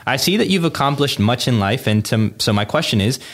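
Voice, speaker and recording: A man's voice: medium pitch, lively intonation, a little fast. A man co-hosting a podcast, casually reading out listener questions.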